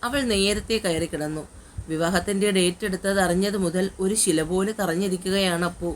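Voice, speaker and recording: A woman narrating a romantic novel with an emotional, measured reading. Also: on the low side, fairly even intonation, slight background noise. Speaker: audiobook narrator. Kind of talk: dramatic storybook narration.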